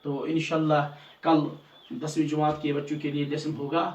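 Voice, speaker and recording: A man teaching an Urdu class, slowly repeating each word to drill its correct pronunciation. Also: a little high, monotone, a little mellow, dull audio. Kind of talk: recorded pronunciation lesson. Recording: distant mic in a roomy space, faint ambient noise.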